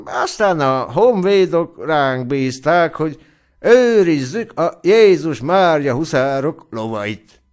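Man doing a high-pitched boastful village guardsman. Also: big pitch swings. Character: boastful village militiaman, eager and simple.

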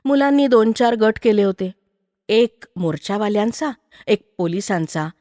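A woman storyteller reading a written story aloud in a measured, expressive way. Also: a little high, no room sound, clean studio sound, long reverb tail. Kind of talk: scripted story narration.

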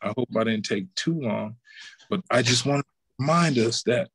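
Gravelly, husky man preaching conversationally. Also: no room sound. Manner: conversational preaching, acting out God's replies in a low voice. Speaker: pastor. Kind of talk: Bible study teaching.

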